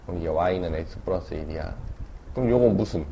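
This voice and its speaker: A man with a low voice teaches a classroom math lecture at normal speed, keeping it casual and often checking in with students using tag questions as he explains. The classroom recording is dull and lo-fi with faint noise.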